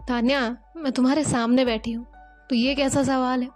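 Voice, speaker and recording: A woman's voice: high-pitched, level tone, normal speed, a little mellow, faint music behind, close to an everyday voice. A woman voicing a stern young businesswoman who talks in curt, firm sentences.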